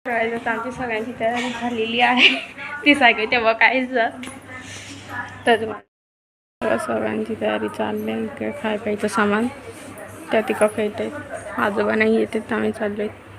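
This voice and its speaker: A woman's voice: fairly high pitch, little pitch movement, moderate pace, gravelly, pauses often, a crowd in the background. A woman vlogging casually, chatting to viewers as she shows her family's morning around the house. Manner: chatty, showing things around to the camera. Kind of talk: casual vlog narration to viewers. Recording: noisy outdoor ambience.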